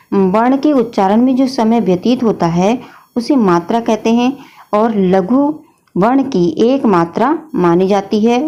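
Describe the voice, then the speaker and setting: A woman's voice: on the high side, mellow, lo-fi sound. A woman teacher explaining a grammar lesson patiently, often addressing her students as children. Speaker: Hindi teacher.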